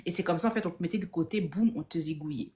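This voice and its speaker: Woman telling a story with lively restarts. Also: lowish voice, quick pace. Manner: lively anecdotal telling, acts out others' lines, frequent restarts. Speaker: guest on a live discussion. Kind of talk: casual storytelling in a live video chat. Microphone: phone on a live stream.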